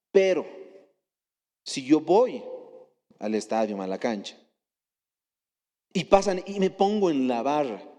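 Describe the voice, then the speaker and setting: A young adult man with a Bolivian Spanish accent, preaching a sermon and telling stories with rhetorical questions. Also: fairly high pitch. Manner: storytelling with rhetorical questions, animated quotes. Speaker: lay preacher. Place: church hall. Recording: long church reverb.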